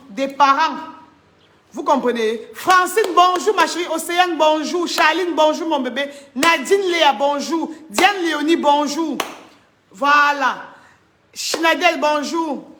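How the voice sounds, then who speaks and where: A woman's voice: high-pitched, a bit bright, slight background noise. Chatty woman on a live stream. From Cameroon. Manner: greets viewers by name, chatty and coaxing. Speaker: live-stream host selling wigs. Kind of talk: casual Facebook live chat.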